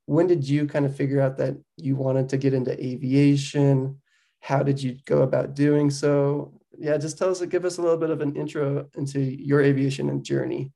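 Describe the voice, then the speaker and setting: A man hosting a podcast interview, relaxed and conversational with frequent ums. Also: medium pitch, vocal fry. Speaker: podcast host. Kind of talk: casual interview.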